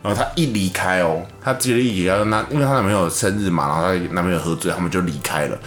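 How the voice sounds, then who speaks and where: A man with a Taiwanese Mandarin accent, co-hosting a casual podcast chat and telling animated stories. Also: racing. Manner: animated storytelling, acts out quotes in a high voice. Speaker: podcast co-host. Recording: echoey room with faint music.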